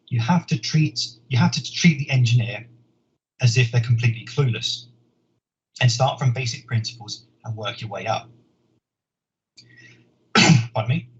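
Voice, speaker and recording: A man, a software engineer, giving a conference talk in an earnest, explanatory way, often repeating words as he thinks. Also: medium pitch. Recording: dull lo-fi sound with faint noise.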